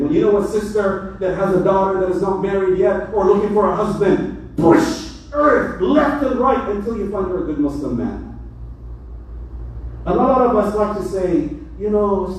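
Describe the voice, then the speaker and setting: A man preaching as an imam in a mosque, animated and joking as he speaks. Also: high voice. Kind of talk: mosque sermon. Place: mosque hall. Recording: echoey hall, mic from far.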